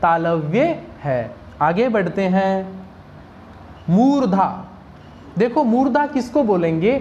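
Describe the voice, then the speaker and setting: A woman's voice: medium pitch, expressive, takes it slowly, dark tone, muffled recording, a little hiss or hum. A woman teaching Sanskrit pronunciation, drilling single sounds and answering her own questions to the class. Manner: asks questions and answers them herself; drills sounds one at a time. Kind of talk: pronunciation lesson.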